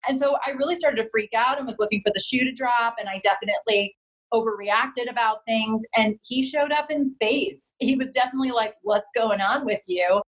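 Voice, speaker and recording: A woman in her thirties, a relationship coach talking in a casual interview, animated and acting out quoted lines. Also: fairly high pitch, low-quality recording. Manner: animated, quick asides, acts out quotes. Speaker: heartbreak coach, guest.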